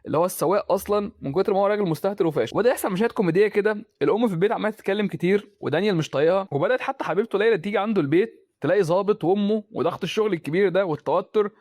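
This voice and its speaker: An Egyptian man races through a film plot at breakneck speed, his voice sitting high for a man. The sound is close and dry, with no room around it. He keeps it chatty, tossing in casual asides as he goes. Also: a little mellow, dry recording. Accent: Egyptian Arabic. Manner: rapid, chatty storytelling with colloquial asides. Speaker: film recap narrator.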